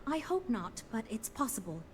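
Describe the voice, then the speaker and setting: An actress playing an earnest, diplomatic woman who leads a design team, speaking in a measured, businesslike way in a video game. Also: a little high, big pitch swings, a little hiss or hum. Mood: cautiously hopeful. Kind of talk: scripted game dialogue.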